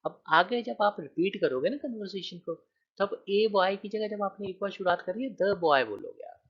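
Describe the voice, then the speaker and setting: A man's voice: high voice, muffled recording. A man teaching a grammar lecture, explaining with counted examples and often checking that students follow.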